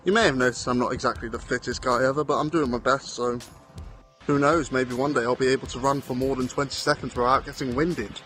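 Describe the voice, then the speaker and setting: A man's voice: mid-range voice, steady tone, fast talker, a bit bright, faint music behind. A young adult man, a student vlogger, talking casually to camera in a dry, self-deprecating way with bits of slang. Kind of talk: casual vlog talk to camera.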